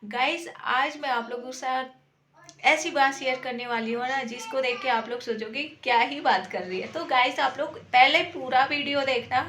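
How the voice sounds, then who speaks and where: A woman's voice: sits high, moderate pace, fairly bright tone. A young woman vlogger talking to her viewers in an earnest, chatty way, with many fillers. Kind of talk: casual talk to camera. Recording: echoey room, faint background noise.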